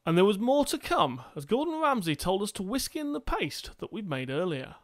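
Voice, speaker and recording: Lively high-voiced comic narrator. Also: male voice, moderate pace. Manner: dry mock-dramatic.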